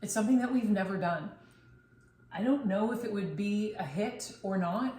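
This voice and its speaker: A woman's voice: mid-range voice, moderate pace, mellow. A woman hosting a casual cooking vlog from a kitchen, talking with gushing enthusiasm about her cafe's food. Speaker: cafe owner and cooking video host. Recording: echoey room, faint noise.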